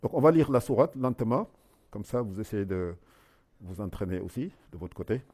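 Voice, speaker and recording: A man teaching how to recite the Quran, explaining the rules and then drawing out the sounds slowly, syllable by syllable, as he repeats them. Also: fairly low pitch, animated, dark tone, husky.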